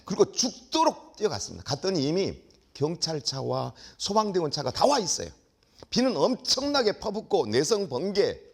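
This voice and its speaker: Husky animated lecturer. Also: male voice, fairly high pitch. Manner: animated, acts out dialogue with shouts. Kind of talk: dramatic storytelling lecture.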